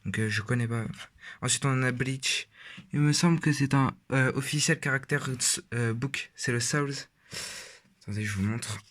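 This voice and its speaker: A teenage boy talks in a loose, casual way, stopping often on fillers and restarting his sentences. His pitch sits in an ordinary middle range for a young male voice. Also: moderate pace, a bit bright. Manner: rambling, hesitant with many fillers. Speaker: vlogger. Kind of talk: casual shelf tour.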